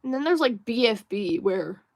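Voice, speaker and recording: A woman's voice: fairly high pitch, animated, normal speed, no room sound, studio quality. A young woman hosting a casual livestream while drawing, musing and rambling with many fillers and restarts while she reads viewer chat aloud. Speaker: livestream host.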